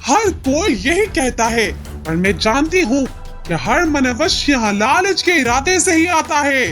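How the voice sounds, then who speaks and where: A woman voicing a bloodthirsty, mocking female witch in a cartoon horror story, speaking in slow, threatening phrases. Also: sits high, big pitch swings, fairly bright tone, soft background music, heavily acted. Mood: menacing. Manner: threatening, taunting, drawn-out. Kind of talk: cartoon voice acting.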